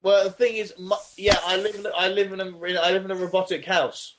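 A man co-hosting a podcast, talking casually in a rambling, jokey way with halting restarts. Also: sits high, little pitch movement, background noise. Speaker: podcast co-host. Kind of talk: casual chat.

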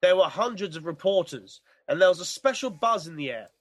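High-voiced man reading a comedy story. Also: expressive, fairly quick, dry recording. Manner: playful, does accents. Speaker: podcast co-host.

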